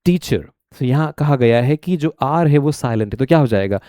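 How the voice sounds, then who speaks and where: Indian man teaching slowly, mellow dry voice. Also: medium pitch, lively intonation, dry recording. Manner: slow, deliberate explanations, repeating example words. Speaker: English teacher. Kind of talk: Hindi-English code-switching lesson.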